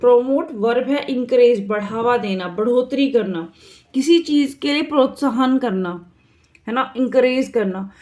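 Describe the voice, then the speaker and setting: A woman's voice: on the high side, unhurried, darkish tone. A woman teaching English vocabulary for exam prep, explaining in Hindi with English terms and drilling words by repeating them in pairs.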